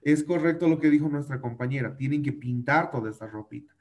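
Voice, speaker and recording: A man's voice: mid-range voice, fairly quick, darkish tone, highs cut off. A male teacher giving an online class for children, patiently repeating vocabulary, drilling pronunciation and using fond diminutives. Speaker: English teacher.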